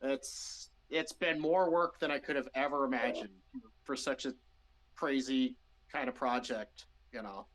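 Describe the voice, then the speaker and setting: Man, Midwestern American accent, bright tense tone, rambling casual interview talk, lots of restarts. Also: mid-range voice, unhurried, low-quality recording. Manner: rambling, restarts often, laughs easily. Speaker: band member guest.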